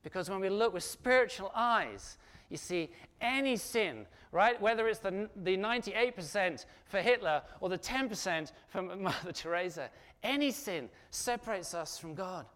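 High-voiced man preaching a chatty sermon. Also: normal speed. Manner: conversational, animated preaching with asides and rhetorical questions. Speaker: pastor.

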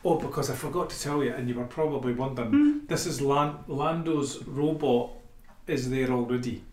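A man's voice: mid-range voice, moderate pace, darkish tone. A man co-hosting a casual podcast, animatedly recounting a comic story with laughs. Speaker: podcast co-host. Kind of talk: casual chat. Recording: roomy and distant from the mic.

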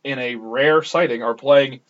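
A man's voice: medium pitch, a little slow. A man co-hosting a podcast with casual, bantering talk, on a lo-fi recording. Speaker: podcast co-host. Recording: dull, tinny lo-fi podcast recording.

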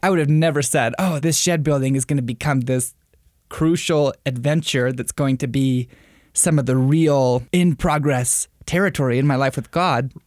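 A man's voice: mid-range voice, moderate pace, a little mellow, no echo, studio quality. A man talking casually and earnestly about faith, acting out his own thoughts in a self-deprecating way.

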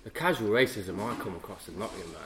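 A man hosting a podcast, asking questions in a soft-spoken, halting way as he chats casually with his guest. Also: fairly low pitch, animated, slight background noise. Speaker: podcast host, interviewer. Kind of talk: casual interview chat.

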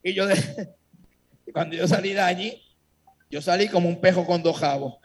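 A man giving a religious testimony to a congregation, telling his story in a lively way and speaking straight to his listeners. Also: sits high, moderate pace, slightly rough.

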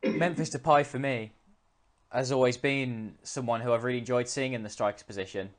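A man hosts a casual podcast, reading listener questions and adding his own thoughts. He talks in a relaxed, conversational way, with hesitant fillers between points. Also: medium pitch, moderate pace.

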